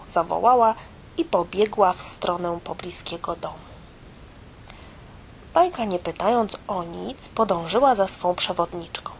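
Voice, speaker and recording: A woman reads a children's fairy tale in a soft, hushed voice that often drops to a half-whisper. She is slow and unhurried, and her pitch sits on the lower side. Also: a little hiss or hum, poor audio. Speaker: storyteller. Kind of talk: storybook narration for children.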